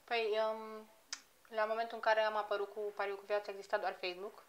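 A woman's voice: mid-range voice, level tone, lo-fi sound. A woman in her thirties, a singer being interviewed, talking casually and laughing easily. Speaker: guest, singer.

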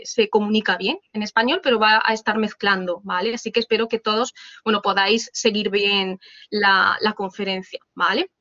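A woman's voice: mid-range voice, sharp tone, dry recording. A woman with an accent from Spain, hosting and giving an informal spoken introduction of a guest lecturer. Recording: dull, lo-fi video-call audio.

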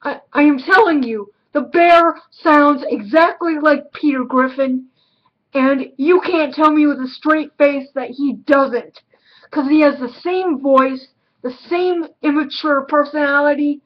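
A woman's voice: high-pitched, measured pace, lo-fi sound. A woman giving a casual film review, blunt and emphatic, repeating words for stress.

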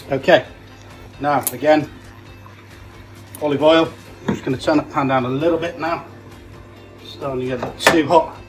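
Busy at the stove of a small indoor home kitchen, a middle-aged chef walks through a recipe step by step in a plain, casual way. His voice sits in the mid range, and the pan sizzles loudly over frying, stirring and other kitchen sounds.

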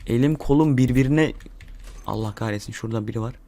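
Excitable young man commenting his gameplay. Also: medium pitch, quick pace. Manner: excitable, swearing, talks to viewers while playing. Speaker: gaming channel host.

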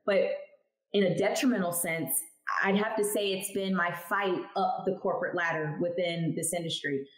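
A woman in her thirties, a cannabis lab chemist, gives a frank, emphatic account of herself during a casual video-call interview. She speaks at normal speed in a lowish, steady voice, using headphones in a room at home. The recording is low quality, with an echoey room.

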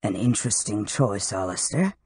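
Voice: medium pitch, sing-song, a little mellow, slightly rough, no echo, studio quality. A narrator voicing a commanding wizard dean woman. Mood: measured. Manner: brisk, commanding. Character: commanding gray-haired female dean of wizards.

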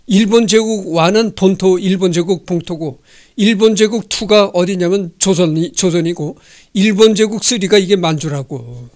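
Chatty older man lecturing, higher voice. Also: darkish tone. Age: 60s. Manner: chatty, digressive, asks rhetorical questions. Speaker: history channel host. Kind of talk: casual lecture reading and commenting on a text. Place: indoor home studio. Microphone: handheld microphone.

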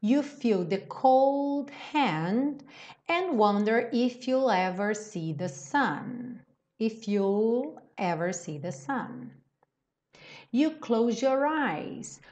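A Brazilian woman teaching English pronunciation, who reads the lines out slowly and then explains them quickly. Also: fairly high pitch, lively intonation, darkish tone. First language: Portuguese. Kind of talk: pronunciation lesson.

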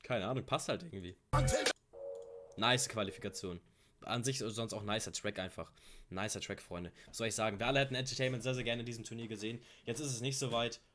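A German man giving casual, excitable commentary while reacting to a rap track, talking to his viewers as friends and often repeating his phrases. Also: fairly low pitch, quick pace, over music.

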